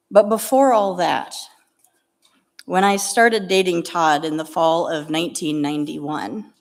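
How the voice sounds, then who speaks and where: Middle-aged female pastor, low-pitched, eulogy with gentle humor, reverberant church hall. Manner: warm storytelling with gentle humor. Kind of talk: memorial eulogy. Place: church sanctuary.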